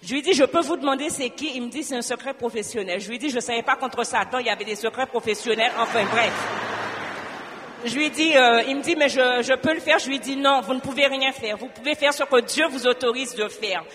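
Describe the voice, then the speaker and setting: A woman's voice: fairly high pitch, fairly quick, a bit bright, in a large hall, a little hiss or hum. A woman from Guadeloupe giving a spoken church testimony, telling her story with animation and acting out both sides of a conversation.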